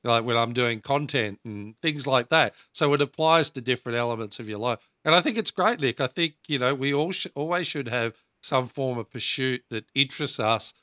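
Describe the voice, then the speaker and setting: A man with a baritone voice, co-hosting a casual podcast chat and acting out quotes as he tells stories. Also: moderate pace, hardly any pauses, dry recording, studio quality. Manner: animated storyteller, acts out quotes. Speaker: podcast co-host.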